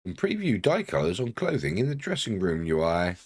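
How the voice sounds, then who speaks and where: A man's voice: low voice, wildly swooping pitch, fairly quick, husky. A man giving casual gameplay commentary, slipping into playful in-character narration. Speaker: game streamer. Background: game music.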